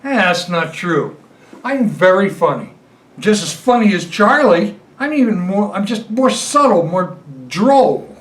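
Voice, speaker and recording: A stiff, defensive older husband who gets indignant when anyone questions him, as a man plays him. His pitch rises and falls a lot, and the room around him echoes. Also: very animated, measured pace. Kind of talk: film drama acting. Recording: roomy echo.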